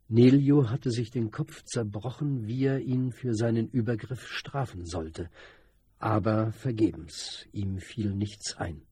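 A man reads a novel aloud in a measured, even way. His voice is low, dark and husky. The recording is dry and close. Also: no room sound. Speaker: audiobook narrator. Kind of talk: scripted narration of a novel.

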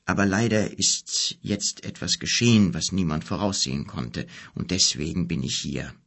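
A solemn, gentle bearded wizard from an audiobook, as a man reads him. He speaks low and unhurried in a gravelly, husky hush. His tone rises and sinks a great deal. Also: expressive, heavily acted. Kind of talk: audiobook character voice.

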